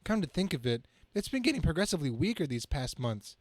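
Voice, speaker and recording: Man playing Spider-Man, highish-voiced and quippy. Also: sing-song, quick pace, no room sound. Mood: musing. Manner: quippy, dramatic self-narration. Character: wisecracking young male superhero, a college student. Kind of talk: comic book dramatic reading.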